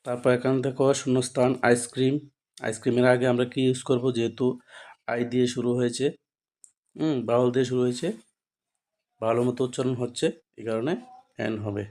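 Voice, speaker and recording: A man with a Bengali accent, at a middle pitch for a man, leads a grammar lesson in a steady classroom manner. He goes over each rule several times and breaks it up with quick checking questions to his students. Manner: repetitive, checks understanding with frequent rhetorical questions. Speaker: English grammar teacher.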